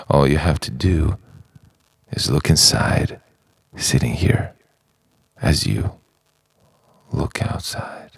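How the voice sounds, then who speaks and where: A man with an extremely low, gravelly voice slowly delivers an introspective spoken-word monologue framed as a poetic letter to himself. His halting phrases swing widely in pitch, sometimes sinking toward a whisper, with dramatic pauses between thoughts and no room sound.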